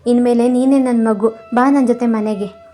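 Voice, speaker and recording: A woman voicing a kind, childless man in a cartoon who gently coaxes a lost boy. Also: on the high side, steady tone, moderate pace, close to an everyday voice. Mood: gentle, concerned. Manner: gentle, coaxing.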